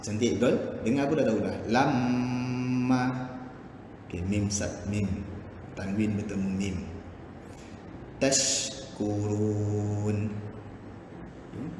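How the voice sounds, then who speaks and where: A man with a Malaysian Malay accent teaching Quran recitation, patiently explaining tajwid rules and chanting verses slowly to demonstrate. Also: fairly low pitch, steady tone. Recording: echoey room with background noise.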